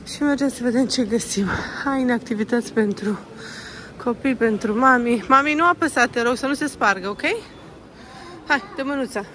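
A Romanian woman in her thirties vlogging casually while walking through a shopping mall, chatting to the camera and gently coaxing her small child, slipping into English phrases. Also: fairly high pitch. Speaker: vlogger and mother.

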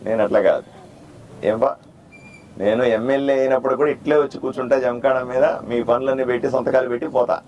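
A man, a doctor running for office, giving a repetitive, plain-spoken campaign speech that quizzes the crowd and demands loud answers. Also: medium pitch, steady tone, fast, lo-fi sound. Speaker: political candidate and doctor. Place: outdoor neighborhood gathering.

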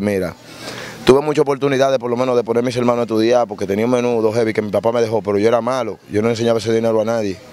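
A man, recounting his life on the street and in prison in a casual interview, acting out voices as he tells it. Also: mid-range voice. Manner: animated storyteller, acts out voices in his tales.

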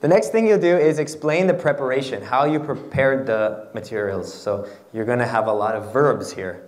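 Male workshop lecturer, thirties, medium pitch, instructional delivery with halting phrasing, on a handheld mic in a lecture hall. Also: a little mellow. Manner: halting, instructional, checks with "okay" and "right". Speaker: lecturer on academic writing. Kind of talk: workshop lecture, explaining slides. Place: lecture hall in front of a seated audience. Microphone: handheld microphone.

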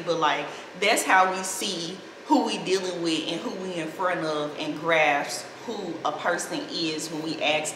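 Female vlogger, St. Louis accent, lowish voice, playful slangy chat, echoey living room. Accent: St. Louis American. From St. Louis, Missouri, USA. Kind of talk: casual chat to camera. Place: small indoor living room, seated on sofa. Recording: echoey, reverberant room with clear noise.

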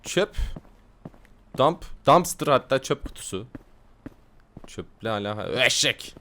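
Speaking slowly in a mid-range voice that sounds pushed and bright, this young man is expressive as he hosts a game video. His let's-play commentary is casual, full of jokes, frequent laughter and lines translated aloud.

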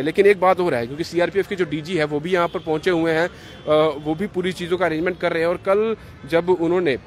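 Street ambience and passing vehicles surround a male field reporter doing an unscripted piece to camera by a roadside gate and flyover. Using a handheld microphone, he speaks at a fairly high pitch, rambling wordily and repeating himself.

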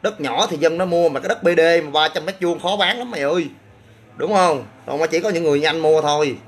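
A man's voice: fairly high pitch, fast. A man with a Southern Vietnamese accent, a gym owner chatting casually on a livestream and answering comments with boastful, crude banter.

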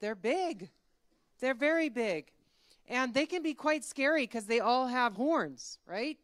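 Animated woman telling children a story. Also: a little high, slow, dry recording, studio quality. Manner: warm, animated, asks the children questions. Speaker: children's talk leader.

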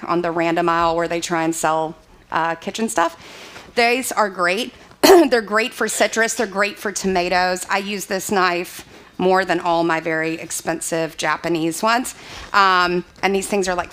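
A woman's voice: lowish voice, fairly bright tone. A young adult woman chef, giving a live cooking demonstration in a chatty way with many fillers. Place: open screened dining hall.

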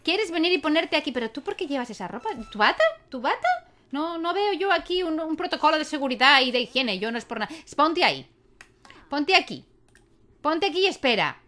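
Playing a life-sim game, a young gaming YouTuber keeps up casual commentary and speaks to her characters. She sounds high-pitched, bright, and forceful, very animated, and fairly quick.

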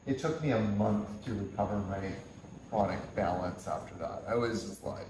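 Male yoga teacher with a lowish voice, giving a gentle, unhurried workshop lecture with chuckles; echoey hall. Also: distant mic, noisy background. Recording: echoey room.

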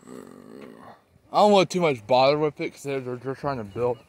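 A vlogger gives a walking tour of a house under construction and its muddy yard, chatting casually and informally. His voice is medium-pitched and moderately paced, and he often hesitates and repeats himself.

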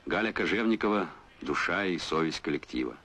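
A man narrating an old documentary newsreel in a measured, announcing manner, heard from a noisy old film soundtrack. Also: deep voice, expressive, crowd noise.

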